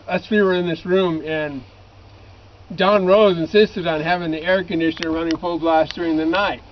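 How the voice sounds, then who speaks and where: Here a middle-aged man with a voice on the high side rambles through anecdotes with friends, recalling his days as a missionary bookseller. They're outdoors in the back of a pickup beside a creek, and the amateur recording is muffled, lo-fi, and noisy.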